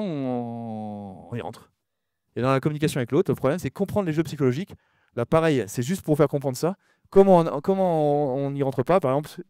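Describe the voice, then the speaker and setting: A man giving a conference talk to an audience. He talks fast, mumbles his words, and often repeats himself and restarts sentences. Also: fairly high pitch, warm tone, dry recording, clean studio sound. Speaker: conference speaker.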